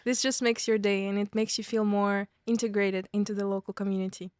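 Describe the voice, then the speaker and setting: A woman's voice: medium pitch, little pitch movement, a little fast, darkish tone, clean tone, dry recording, clean studio sound. A woman in her twenties from Kazakhstan, a student guest on a podcast, talking with enthusiasm. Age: 20s. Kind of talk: casual podcast chat.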